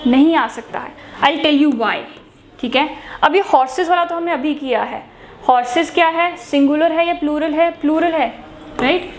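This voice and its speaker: A woman teaching an exam-prep grammar lesson, asking her students questions and answering them herself, switching between Hindi and English phrases. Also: high voice. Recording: echoey room with faint noise.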